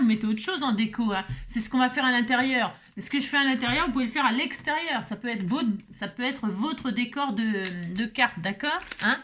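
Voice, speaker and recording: A woman's voice: on the high side, fairly bright tone. A woman hosting a home craft tutorial, chatting casually as she works and often checking in with the viewer, with plenty of fillers while she thinks aloud. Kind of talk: casual step-by-step craft demonstration.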